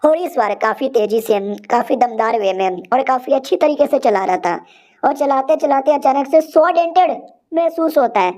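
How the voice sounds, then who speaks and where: A woman's voice: high-pitched, moderate pace, mellow. A woman narrating a comic story in a chatty, slangy way. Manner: chatty, slangy, playfully voices characters. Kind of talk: casual comic story recap.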